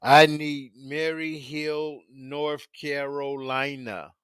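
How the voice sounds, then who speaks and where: A man's voice: a little high, steady tone, extremely slow, fairly bright tone, smooth, no room sound, studio quality. A man in his fifties hosting a casual live chat with strangers, talking in a laid-back, drawling and repetitive way. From United States. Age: 50s. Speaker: host of a live video chat.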